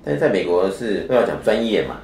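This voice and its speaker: A man's voice: lowish voice, sing-song, fast, creaky, darkish tone, slight background noise. A man as a spiritual teacher being interviewed, explaining his views in a lecturing way and often asking rhetorical questions. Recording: echoey room.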